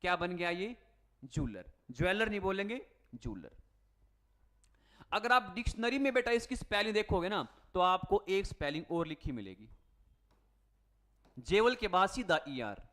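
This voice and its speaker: High-voiced teacher explaining spelling tricks. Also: male voice, animated, normal speed, pauses often, pushed and bright. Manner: asks the class questions and answers them himself; calls students "beta" and "bhai" in a friendly coaching tone. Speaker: English teacher. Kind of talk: Hindi-language spelling lesson for exam students.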